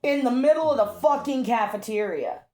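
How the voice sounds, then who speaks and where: A woman's voice: on the high side, moderate pace. A woman game master, casually recapping a tabletop session with lots of fillers and swearing. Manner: relaxed storytelling with frequent fillers and profanity. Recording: roomy echo.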